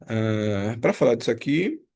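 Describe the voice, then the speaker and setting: A man's voice: medium pitch, big pitch swings, a little slow, darkish tone. A man teaching a casual review lesson. He talks patiently, explains step by step and repeats each example. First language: Portuguese.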